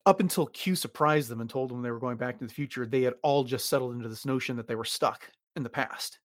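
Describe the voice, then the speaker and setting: Hesitant, measured man co-hosting a podcast. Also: mid-range voice, no echo, studio quality. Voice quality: measured, hesitant, repeats words as he thinks. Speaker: podcast co-host. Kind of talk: casual podcast discussion.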